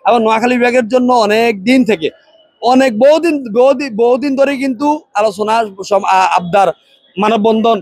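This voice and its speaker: A man's voice: extremely high pitch, fairly quick, darkish tone, no room sound. A man from Noakhali speaking with a Noakhali Bengali accent in a street interview, arguing hard, repeating himself and checking that listeners follow. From Noakhali, Bangladesh.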